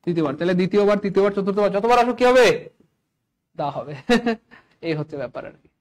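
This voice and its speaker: A man teaching a live exam-prep class, animated and constantly quizzing his students, weaving religious phrases into his lesson. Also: sits high, fairly quick, low-quality recording. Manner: animated, keeps asking students questions.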